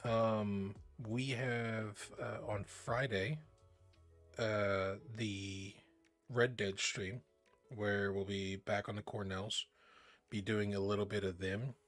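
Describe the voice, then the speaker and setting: A man's voice: fairly low pitch, little pitch movement, takes it slowly, a bit bright, faint music behind. A man streaming a tabletop game, chatting casually and rambling through the week's plans, with some swearing.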